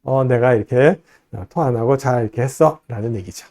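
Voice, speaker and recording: A man lecturing on Chinese, reading each line slowly before translating it and acting out quoted dialogue. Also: warm tone. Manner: reads Chinese lines slowly, then translates; acts out quoted lines in a higher, livelier voice. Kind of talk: explaining an ad scene line by line.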